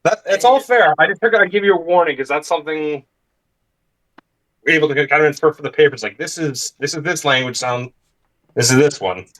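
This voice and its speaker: A man with a somewhat high voice chats as a player in a tabletop role-play. He cuts in politely, stammering and apologizing as he goes. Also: brisk, a bit bright, rough recording.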